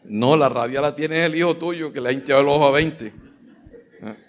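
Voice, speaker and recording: A man preaching a sermon as pastor, fervent, swinging between loud exclamations and soft asides. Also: on the high side, moderate pace.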